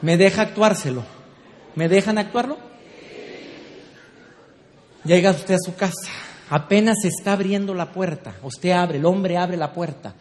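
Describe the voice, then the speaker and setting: Casting: man, humorous couples speaker, playful and teasing, high-pitched voice in a roomy hall. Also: unhurried, long pauses. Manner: playful, teasing, acts out scenes. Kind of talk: humorous talk to a live audience. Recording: echoey hall with faint background noise.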